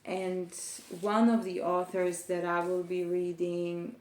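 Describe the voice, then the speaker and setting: A young woman reviewing books in a casual vlog, talking in a thoughtful, measured way with pauses and restarts. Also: lowish voice, darkish tone. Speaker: book vlogger. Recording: echoey room.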